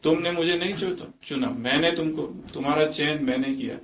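A man's voice: fairly high pitch, a bit bright. Man preaching in an echoey room. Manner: asks the listeners many rhetorical questions; slips quoted English phrases into his talk. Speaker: spiritual teacher. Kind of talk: religious discourse to a gathering. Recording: echoey, muffled room recording.

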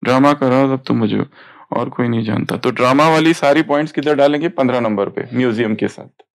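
A man's voice: mid-range voice, brisk, creaky. A man teaching a spiritual study class, explaining points and prompting students to read aloud.

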